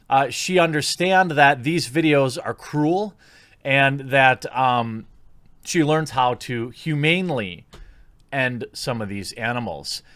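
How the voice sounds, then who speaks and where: With a medium-pitched, somewhat bright voice, a man gives opinionated YouTube commentary, casual in tone but critical and sarcastic. He is recorded up close on the mic, with no echo.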